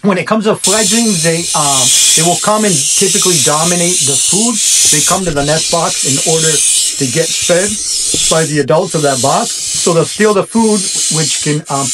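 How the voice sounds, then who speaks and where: Reassuring middle-aged man, slightly high voice. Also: normal speed, very noisy. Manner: reassuring, explanatory, with many restarts. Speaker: barn owl researcher. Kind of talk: explainer video to camera. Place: indoor room.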